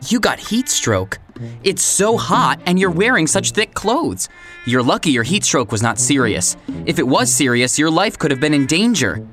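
Confident sheriff dog, actor cast, animated delivery, light music behind. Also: mid-range voice, normal speed. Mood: lecturing. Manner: commanding, explaining.

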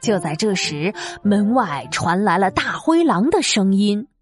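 A woman's voice: mid-range voice, sing-song, unhurried, faint music behind. A woman narrating a scripted story for children.

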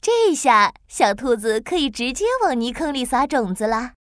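Woman storyteller, kids' tale, lively sing-song voice, dry close sound. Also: a little high, moderate pace, no echo. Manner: lilting, expressive storytelling. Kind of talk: children's story narration.

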